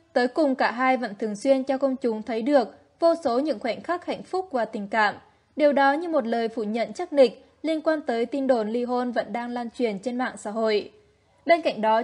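Woman reading entertainment news, higher voice. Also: a little mellow. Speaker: news narrator. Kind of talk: scripted entertainment news narration.

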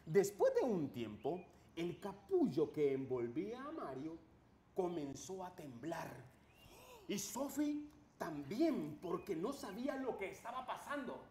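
Man playing cheerful childlike kids show host, theatrical clown delivery, unhurried, roomy sound with slight noise. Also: sits high, very animated, mellow. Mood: storytelling. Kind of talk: kids show host, animated story reading.

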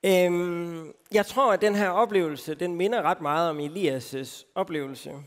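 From Denmark, a man with a high voice gives a sermon about his own faith, chatty and laughing at himself, with frequent fillers. He's performing on a festival stage, where his voice echoes through a long hall reverb.

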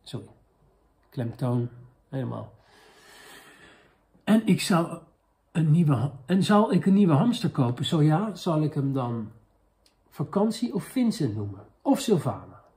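A man hosts a comedic question-and-answer talk, a casual deadpan parody monologue that rambles with many fillers in a mock-spiritual tone. His mellow voice is on the high side and very animated, a little slow, with frequent pauses.

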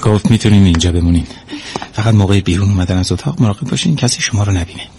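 In an amateur audio drama, a man plays a tired, defensive husband caught holding a knife, pleading and insisting it was only a joke. His lowish voice sounds natural, with some background noise.

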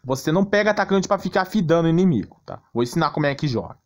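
A Brazilian gaming channel host with a slightly high, lively voice fires off a casual gameplay tutorial. Blunt and exasperated, he keeps tagging phrases with check-in questions to make sure the listener follows, over background noise and clicking.

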